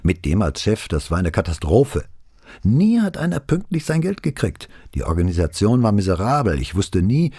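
A man's voice: rumbling low, expressive, normal speed, mellow, slightly rough, dry recording, clean studio sound, full character voice. A man voicing a nervous, evasive male foreman being questioned, in a slightly raised voice for an audiobook. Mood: uneasy. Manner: uneasy, evasive.

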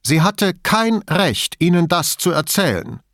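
A man voicing an indignant, frightened female veterinarian in an audiobook, raising his voice to sound higher and shaken. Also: sing-song, takes it slowly, slightly rough, no echo, clean studio sound, full character voice. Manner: indignant, shaken pleading questions. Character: indignant frightened woman veterinarian, middle-aged.

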